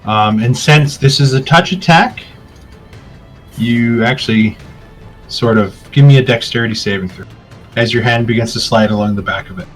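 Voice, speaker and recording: Relaxed man narrating as game master. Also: mid-range voice, normal speed, soft background music, rough recording. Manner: descriptive, relaxed, with filler ums.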